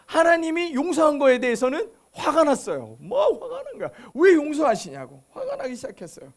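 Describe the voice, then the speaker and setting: A pastor with a very high voice for a man delivers a sermon. He makes his points emphatically, repeating lines and posing rhetorical questions to the congregation. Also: huge pitch swings, brisk.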